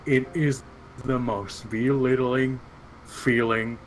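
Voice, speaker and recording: A man co-hosting a game stream in casual chat, blunt and teasing with quick asides. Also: mid-range voice, level tone, slight background noise, rough recording.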